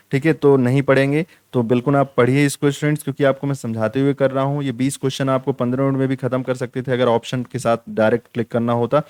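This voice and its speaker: A man's voice: mid-range voice, a little mellow, clear, resonant tone, no echo. A young man teaching an online exam-prep lesson, repeating key points and checking in with his students again and again. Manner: repetitive, drills points with "theek hai".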